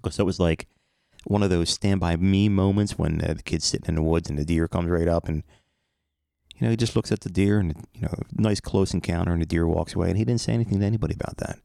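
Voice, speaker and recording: A man's voice: deep voice, quick pace, gravelly, dark tone, no echo, clean studio sound. A man with an American accent hosting a podcast in a casual, earnest, reflective monologue. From United States. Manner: conversational, earnest. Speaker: podcast host.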